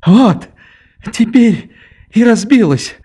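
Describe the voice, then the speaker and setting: A man voicing a fierce, tearful little orphan girl in an audiobook, with shrill, defiant, sobbing outbursts. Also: lively intonation, takes it slowly, mellow. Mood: spiteful.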